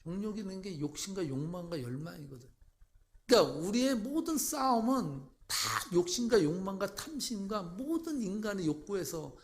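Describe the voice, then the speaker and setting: Emphatic male pastor, slightly high voice. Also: sing-song, normal speed. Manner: emphatic, asks the congregation rhetorical questions. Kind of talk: sermon.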